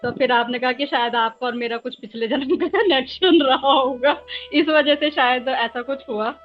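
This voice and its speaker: A talkative woman student shares her story in a casual chat, often pausing on fillers. Her voice is very high. The audio sounds dull and muffled, with faint music behind. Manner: talkative, hesitant with many fillers. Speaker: tarot student.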